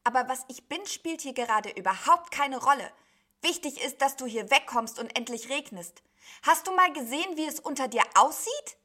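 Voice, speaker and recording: A woman voicing a loud, cheeky, grumbling sheep who scolds and shouts. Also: high voice, expressive, moderate pace, pitched above the performer's own voice, full character voice. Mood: shouting scold.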